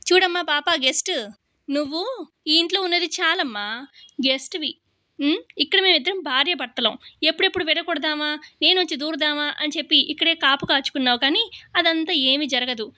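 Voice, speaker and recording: A woman's voice: high voice, fairly quick, sharp tone, dry recording, clean studio sound. A woman voicing a defiant young daughter-in-law who taunts her mother-in-law. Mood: defiant taunting. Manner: taunting, challenging.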